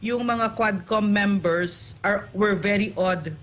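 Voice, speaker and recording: A woman's voice: mid-range voice, slow. A woman political commentator in an online interview, talking indignantly and firing off rhetorical tag questions.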